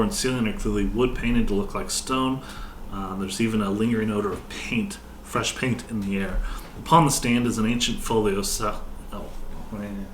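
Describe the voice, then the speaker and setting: A man working as game master, improvising horror narration in an informal, halting way. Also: fairly low pitch, fairly bright tone. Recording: roomy, distant mic, faint noise.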